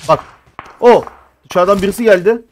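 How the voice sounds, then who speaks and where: A man in his thirties giving animated gameplay commentary, cursing and complaining at teammates as he plays. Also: high-pitched, normal speed, slight background noise. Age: 30s. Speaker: mobile game streamer.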